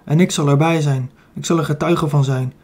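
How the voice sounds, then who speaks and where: A man's voice: a little high, fairly even intonation, brisk, a little mellow, natural voice. A man voicing a dignified male emperor who thanks his soldiers in a solemn, grateful address.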